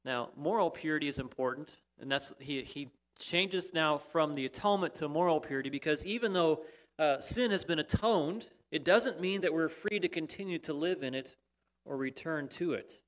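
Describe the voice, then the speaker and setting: A man's voice: fairly high pitch, moderate pace. A man preaching a sermon, explaining steadily and pressing key points. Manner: explanatory, emphatic at times, with restarts. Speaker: pastor.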